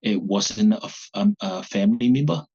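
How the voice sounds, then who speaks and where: A man in his forties from Samoa, speaking haltingly as a guest in an interview. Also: medium pitch, big pitch swings, gravelly, darkish tone, breathy edge, dull audio. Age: 40s. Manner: halting, searching for words. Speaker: guest, abuse survivor. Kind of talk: personal interview.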